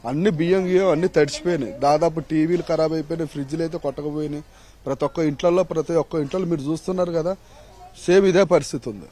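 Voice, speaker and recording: A flood-hit man answers a reporter outdoors in a quick, insistent street interview. His voice is a touch high yet dark and soft in tone. He keeps urging the listener to look around. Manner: pleading, insistent.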